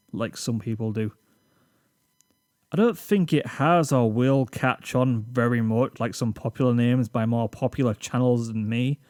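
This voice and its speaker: Sitting at a desk microphone, a British YouTube channel host reads a scripted reflection to his viewers, rambling, self-deprecating and slightly awkward. His voice is mid-range with a darkish tone, studio quality and no echo.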